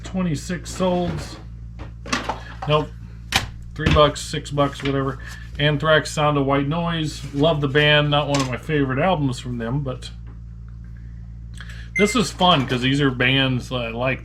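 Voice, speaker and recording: At medium pitch and a measured pace with long pauses, a Nebraska reseller with a Midwestern American accent talks through his work for a vlog. He casually jokes and thinks aloud while sorting and pricing goods. The room is noisy and clicks are heard.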